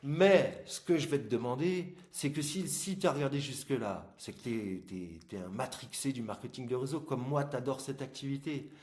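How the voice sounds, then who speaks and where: This marketing channel host has a darkish, medium-pitched voice and sounds animated, moving at a moderate pace with few pauses. Recorded in an echoey room, he addresses viewers directly and emphatically with examples, his speech a bit blurred by dental aligners.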